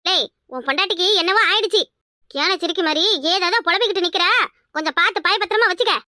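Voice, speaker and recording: Cartoon: a nagging Kanyakumari mother-in-law, very high, fast, shrill, dry studio. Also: pushed and bright, dry recording. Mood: scolding. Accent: Kanyakumari Tamil. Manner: scolding, quick and shrill. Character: sharp-tongued older village mother-in-law. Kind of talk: cartoon voice acting.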